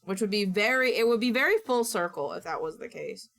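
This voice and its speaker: This woman has a mid-range, fairly bright voice with vocal fry, lively intonation and a brisk pace. Chatting casually with her stream's viewers, she swears freely and sounds playfully exasperated. Her voice is a little worn, nearly gone from strain.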